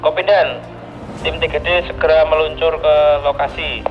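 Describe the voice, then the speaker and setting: A man's voice comes through a walkie-talkie, pitched a little above the usual male range and sounding dull and lo-fi. He keeps each reply clipped and formal, in strict radio protocol. Faint music sits behind him. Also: fairly even intonation, normal speed. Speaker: emergency response team member. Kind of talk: brief radio acknowledgments in an emergency drill.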